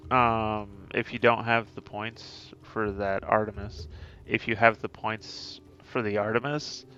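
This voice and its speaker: Low-voiced man streaming, thinking aloud. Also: little pitch movement, sharp tone, lo-fi sound. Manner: thinks aloud with many fillers and pauses. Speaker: game streamer. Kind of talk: casual strategy talk while streaming.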